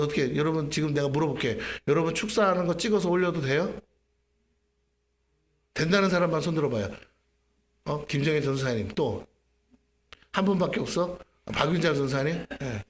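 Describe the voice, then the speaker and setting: A man, the senior pastor, preaching a lively sermon in a church, acting out his prayers and questioning the congregation. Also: fairly high pitch. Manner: animated, acts out his own prayers and asks the congregation questions. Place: church sanctuary.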